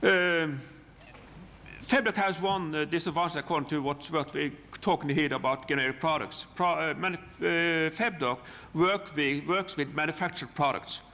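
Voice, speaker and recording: A man with a Norwegian accent presents a technical software demo in English, his second language. His voice is gravelly and slightly high, and he speaks haltingly, repeating words and starting over. Long hall reverb surrounds him. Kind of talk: live technical demonstration talk.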